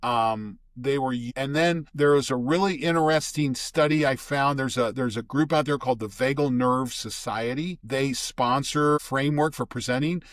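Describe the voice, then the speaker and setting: A man's voice: medium pitch, normal speed, few pauses, no room sound, studio quality. An older man, a guest expert, explaining things in casual podcast talk and often restarting his phrases.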